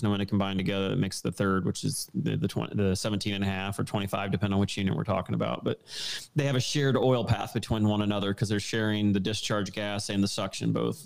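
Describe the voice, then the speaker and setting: Brief: gravelly, lowish male guest, rambling technical talk, lots of ums. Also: level tone, quick pace. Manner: technical, rambling explanations with fillers. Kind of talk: casual podcast chat.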